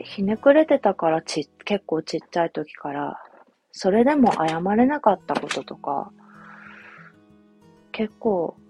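A young woman, a mother, telling a personal family story in a soft, reflective, casual way with many fillers. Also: on the low side, slightly rough. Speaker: podcast host, mother. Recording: faint music behind.

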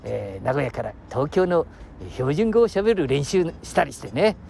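A man's voice: a little high, sing-song, normal speed, gravelly, darkish tone, a little hiss or hum. A man in his sixties from Aichi with a Nagoya dialect, chatting on his own show outdoors by the sea, rambling and chuckling as he jumps between topics. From Aichi, Japan. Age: 60s. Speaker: podcast host. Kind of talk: casual solo chat. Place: outdoors by the seashore.

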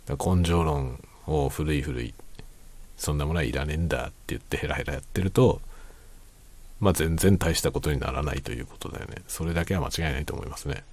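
A man chatting casually in a quiet late-night monologue, musing and circling back over his own phrases. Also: fast talker. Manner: quiet, low-voiced night-time talking. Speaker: host of a solo talk show.

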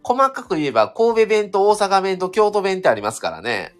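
Man with a Kansai lilt, lively pitch. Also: a little fast. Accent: Kansai Japanese, Kobe dialect. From Kobe, Japan. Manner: easygoing, explains dialect differences with examples. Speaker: co-host of a couple's live stream. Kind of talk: casual live-stream chat.

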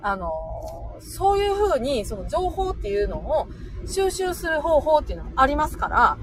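A middle-aged woman from Osaka and Nara with a Kansai accent, talking off the cuff on a livestream in a rapid, chatty way. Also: high voice, sing-song, background noise. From Osaka-born, raised in Nara. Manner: rapid chatty machine-gun talk. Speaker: livestream host. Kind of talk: unscripted livestream talk reading comments.

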